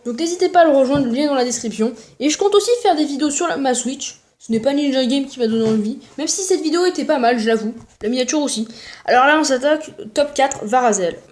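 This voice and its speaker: A woman's voice: high-pitched, lively intonation, fast, darkish tone. A young woman YouTuber giving casual, mocking commentary on other channels, joking and plugging her own videos. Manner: mocking, jokey, self-promoting.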